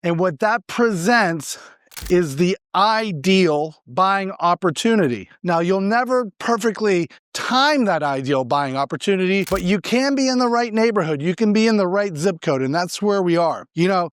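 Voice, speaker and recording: Speaking to camera, an Argentine man works as a real estate agent offering market advice, explaining things informally and emphatically and answering his own questions. His voice sits high and sounds expressive and smooth at a normal speed.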